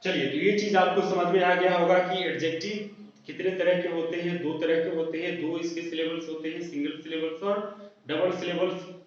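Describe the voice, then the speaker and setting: A man teaches a grammar class at a board, asking his students questions and answering them himself. His voice sits a little high and is heard from across a very echoey room. The recording is dull and lo-fi. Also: little pitch movement. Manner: explains slowly, asks and answers his own questions. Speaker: English teacher. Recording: roomy echo, distant lo-fi mic.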